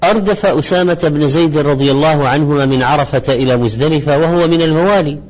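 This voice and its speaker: A man giving a religious lecture in formal standard Arabic, speaking in a measured, didactic way in short phrases. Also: on the high side, a little mellow. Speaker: religious lecturer presenting a program. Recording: slightly dull, lo-fi audio.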